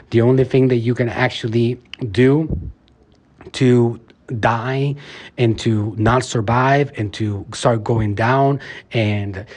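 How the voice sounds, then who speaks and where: The speaker, a man who runs a marketing agency, has a mid-range voice with a touch of mellowness. In motivational podcast fashion, he talks earnestly and emphatically, filling his interview answers and motivational talk with fillers.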